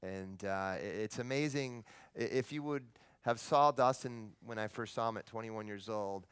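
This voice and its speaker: A man presenting at a live seminar, telling a story on stage in an animated, emphatic way. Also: fairly low pitch, moderate pace, clean tone.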